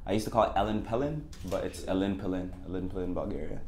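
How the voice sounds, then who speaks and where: Deep-voiced man, roomy recording. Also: fast. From Canada. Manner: relaxed, emphatic, repeats key phrases. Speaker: guest rapper. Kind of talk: casual interview answers. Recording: roomy echo, faint background noise.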